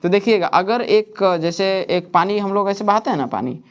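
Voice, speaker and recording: A man's voice: sits high, lively intonation, normal speed. A man teaching in a coaching classroom. He keeps asking the class questions and answering them himself. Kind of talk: classroom lecture.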